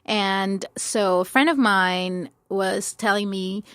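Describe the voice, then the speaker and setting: A woman's voice: mid-range voice, fairly even intonation, takes it slowly, fairly bright tone, smooth, dry recording. A young woman from France, a guest style consultant, telling stories in a chatty way, laughing often and acting out quotes. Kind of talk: casual podcast interview.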